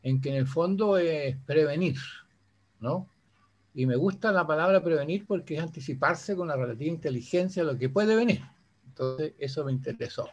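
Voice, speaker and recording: A man in his eighties speaks with a somewhat higher voice than most men. He talks earnestly and a little formally, and he checks along the way that people can hear him. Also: moderate pace, faint music behind. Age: 80s. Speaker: workshop participant.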